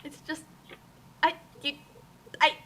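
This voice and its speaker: A woman co-hosting a dramatic fan fiction reading rambles through casual comedic group commentary, stammering and showing melodramatic exasperation. She takes it slowly, and her voice sounds pushed and bright.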